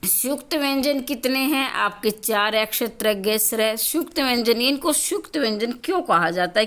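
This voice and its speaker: A woman's voice: on the high side, a bit bright. A woman teacher giving a grammar lesson, explaining step by step, asking and answering her own questions, and repeating key points to her students. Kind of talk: classroom-style grammar lesson.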